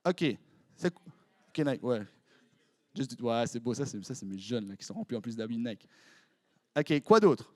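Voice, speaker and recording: A young man with a Swiss French accent, preaching as a youth pastor in a lively, joking way, quizzing his congregation. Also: medium pitch, no room sound, studio quality. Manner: playful, jokey, quick asides to the crowd. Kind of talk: lively sermon with audience interaction. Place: church hall before a congregation.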